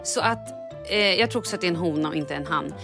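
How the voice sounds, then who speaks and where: A woman's voice: deep voice, music in the background. A woman hosting a podcast in casual chat, telling a story with animation and acting out her own lines. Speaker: podcast host.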